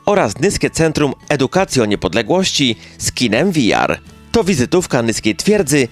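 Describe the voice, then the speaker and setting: A man reading a scripted local news narration in speech, as a chronicle announcer. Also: mid-range voice. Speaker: newsreel narrator. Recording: music bed behind the voice.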